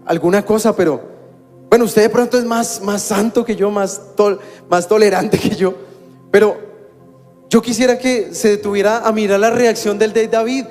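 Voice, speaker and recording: A man's voice: high-pitched, fairly even intonation, normal speed, darkish tone. A man preaching a sermon as pastor, conversational, with wry humor. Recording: long church-hall reverb with faint music.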